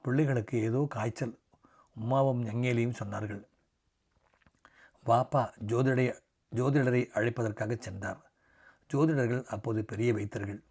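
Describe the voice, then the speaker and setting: A man in his sixties reading a short story aloud in a measured, softly dramatic way. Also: medium pitch, fairly even intonation, husky. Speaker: story reader.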